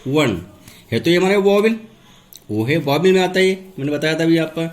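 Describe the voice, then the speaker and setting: A man teaching English grammar. He asks a question and then answers it himself. He repeats each key word slowly, like a classroom teacher. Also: on the high side, animated. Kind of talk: classroom lesson, step-by-step explanation.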